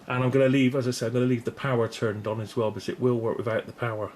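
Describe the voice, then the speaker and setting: Racing along in a mid-range, level voice with a darkish tone, a middle-aged British video host reviews gear casually and without a script. He rambles, sounds tentative, and corrects himself often, with room ambience and background noise clearly present.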